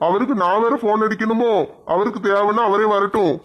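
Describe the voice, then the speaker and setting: A man's voice: high voice, steady tone, fairly quick, lo-fi sound, close to an everyday voice. A man playing a doting village father in a comic skit, indignant and protective, with a Tirunelveli Tamil accent.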